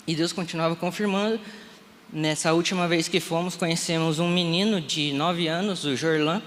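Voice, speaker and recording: Emotional Brazilian pastor in echoing church. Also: male voice, on the high side, a bit bright. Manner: emotional storytelling, re-enacting dialogue. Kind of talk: live church testimony sermon. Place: church sanctuary. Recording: reverberant hall, faint room noise.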